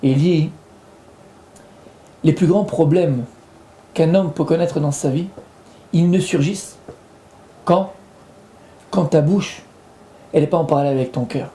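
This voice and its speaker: A male rabbi delivers a Torah lesson in a high, soft-edged voice. He explains patiently, circling back to rephrase each idea. The sound carries the echo of a reverberant room. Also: unhurried, long pauses. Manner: explains patiently, repeats and rephrases points, slips in Hebrew terms.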